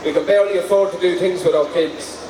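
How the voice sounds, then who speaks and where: A man with an Irish accent delivers a prepared, personal rally speech in a slightly high voice. The sound is echoey and a little distant, with clear background noise. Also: fairly even intonation, fast. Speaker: speaker at a rally.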